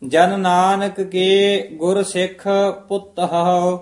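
Very slow, high-pitched male chanter. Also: roomy sound. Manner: very slow, even, chanting delivery. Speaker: recitation student. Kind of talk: chanted scripture recitation.

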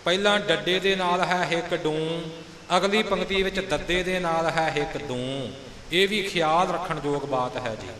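A man's voice: a little high, normal speed, sharp tone. Patient man correcting recitation, echoey room. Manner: patient, instructive. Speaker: recitation teacher. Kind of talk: correcting pronunciation. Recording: echoey room with long reverb.

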